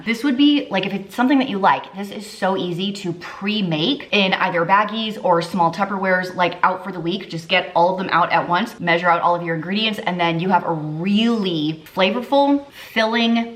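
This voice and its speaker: A woman's voice: medium pitch, fairly bright tone. A woman in her thirties in a casual cooking vlog, chatty and upbeat, talking through recipes in her home kitchen. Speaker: cooking vlogger.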